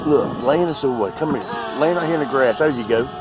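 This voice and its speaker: A man vlogging outdoors by a lake, chatting and talking excitedly to his drone. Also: mid-range voice, brisk. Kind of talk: casual outdoor vlog. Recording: outdoor wind noise on mic.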